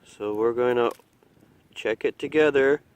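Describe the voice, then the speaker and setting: A man's voice: mid-range voice, unhurried, clear, resonant tone, no room sound. A man vlogging his metal detecting finds, chatting casually and thinking aloud as he digs outdoors in a muddy field. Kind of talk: casual outdoor narration while digging.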